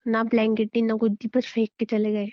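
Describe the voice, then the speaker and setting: A woman's voice: on the high side, completely flat delivery, brisk. A young woman in a scripted comedic skit, playing a wife who coaxes and pleads playfully. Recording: muffled lo-fi phone audio.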